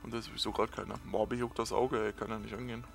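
A man's voice: lowish voice, flat delivery, racing, creaky, soft background music. A man giving casual let's play commentary, muttering and cursing at the game. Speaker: let's player.

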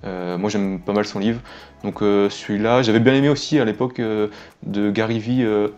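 A web entrepreneur in his twenties is interviewed in a small indoor room with a wooden ceiling. His voice sits on the low side with a darkish tone, fairly even intonation and a moderate pace, and he chats informally and ramblingly over lo-fi sound.

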